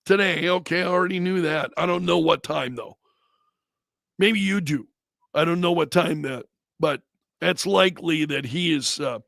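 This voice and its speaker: A man's voice: high voice, fairly bright tone, dry recording, studio quality. A man hosting a casual livestream chat, talking loosely to his viewers with frequent restarts and asides. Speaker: radio host and brand manager.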